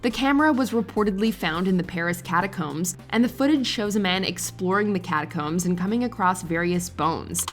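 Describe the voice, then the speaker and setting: A woman reading a scripted countdown narration in an even, measured way. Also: on the low side, soft background music.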